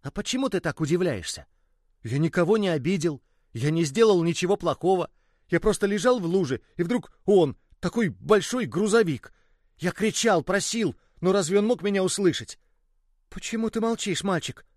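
A man voicing a small burst rubber ball that pleads in a high, tearful way. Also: expressive, normal speed, darkish tone, dry recording, clean studio sound. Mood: sad.

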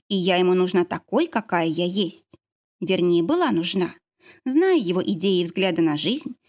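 Woman narrator, first-person audiobook, expressive with a wide, lively pitch range. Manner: expressive, emotional reading.

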